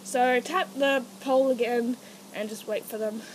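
Teen girl, high voice, pet-training tutorial, sing-song coaxing calls, faint animal sounds nearby. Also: fairly even intonation, unhurried, a little hiss or hum, low-quality recording. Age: teens. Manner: coaxing sing-song calls to her pets between explanations. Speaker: guinea pig owner demonstrating training. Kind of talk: casual home tutorial. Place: at home beside a guinea pig cage.

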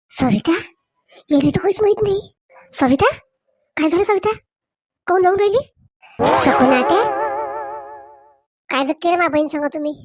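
A woman's voice: sits high, darkish tone, dry recording, clean studio sound. A woman performing a village comedy sketch, switching between several characters in rustic dialect.

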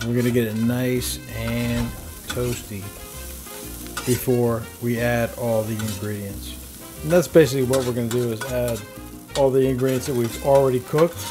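A man's voice: medium pitch, steady tone, moderate pace, music in the background. A man hosting his cooking channel, casually talking viewers through each step as he cooks at an outdoor griddle. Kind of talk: casual cooking demo narration.

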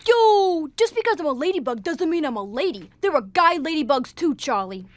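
A woman's voice: sits high, big pitch swings, brisk, dry recording. Woman doing a brash tough-guy ladybug, exaggerated cartoon intonation. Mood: brash, defensive. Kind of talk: children's storybook character voice.

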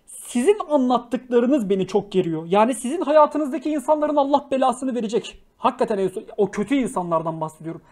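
A man's voice: extremely high pitch, lively intonation, fairly quick, darkish tone. A young man hosting a casual livestream, reading viewer messages, swearing freely and flaring into angry rants before apologizing. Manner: slangy, jokey, affectionate with viewers. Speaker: livestream host.

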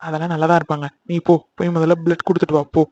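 A man voices a worried young man in a homemade cartoon, earnest and pleading. He talks fast in a high, lively register. The recording is dry and a little dull, like a lo-fi home mic. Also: no echo, lightly acted. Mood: comforting. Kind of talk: amateur cartoon dubbing.

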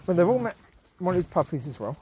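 A man's voice: high-pitched, very animated, fast, warm tone, a little hiss or hum. Rambling man on a countryside walk. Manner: rambling, chatty, with frequent restarts and trailing off. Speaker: vlogger and dog owner. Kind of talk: walk-and-talk vlog. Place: outdoors on a countryside path.

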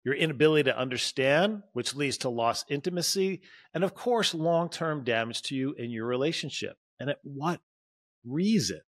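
A man's voice: medium pitch, expressive, moderate pace. A man hosting a podcast as a relationship coach, talking straight to his listeners in a conversational motivational style and acting out little quoted moments. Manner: direct, addresses listeners as "you" and "guys". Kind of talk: motivational solo talk.

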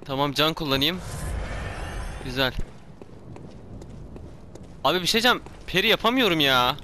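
Excitable man shouting over gameplay. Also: fairly high pitch, normal speed, slight background noise. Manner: excitable, shouts and swears when startled, talks to himself. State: hoarse from shouting. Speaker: gameplay streamer. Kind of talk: live gameplay commentary.

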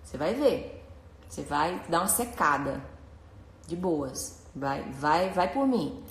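A woman's voice: low-pitched, expressive, slow pace, gravelly. A woman hosting a casual live stream, chatting and reading viewers' comments aloud, often breaking into nervous laughter. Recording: echoey room with faint ambience.

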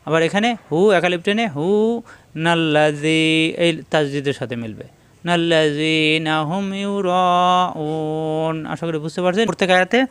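A man teaching Quran tajweed, quickly spelling out letters and marks, then reciting verses slowly and melodiously. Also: on the high side, lively intonation, a bit bright, no echo.

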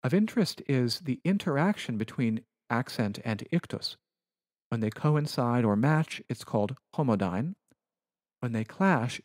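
A man giving a recorded Latin lecture over slides, explaining rules in a measured, precise manner. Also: mid-range voice, a little mellow, dry recording, studio quality.

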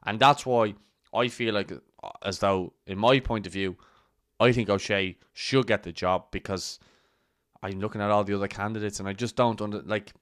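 This man talks in a low, smooth voice, recorded dry and close. He delivers football commentary as a firm, opinionated argument. He keeps coming back to his own view and stresses it hard. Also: fairly even intonation, normal speed, a bit bright, no room sound. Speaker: football channel host.

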